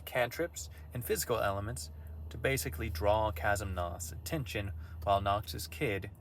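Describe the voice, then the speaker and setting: A man casually recapping a tabletop game session, relaxed and conversational, with frequent fillers. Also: fairly low pitch, gravelly, slight background noise. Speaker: campaign recap narrator.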